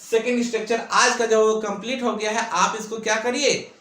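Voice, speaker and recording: A high-pitched man gives an online English grammar lesson. He keeps asking his own questions and answering them, stretching out his words. His voice sounds echoey and a little distant from the mic. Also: fairly even intonation, normal speed, pushed and bright. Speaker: English teacher.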